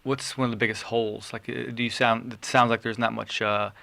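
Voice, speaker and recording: A man hosting a panel interview with journalists, speaking in a measured way with many fillers and restarts. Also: mid-range voice, flat delivery, creaky, pushed and bright. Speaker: radio show host.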